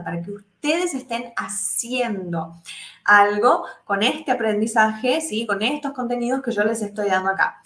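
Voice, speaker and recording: A woman teaching English in a live class, explaining step by step, checking in with her students constantly and voicing the example sentences higher. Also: a bit bright, roomy sound. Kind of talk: live online English lesson.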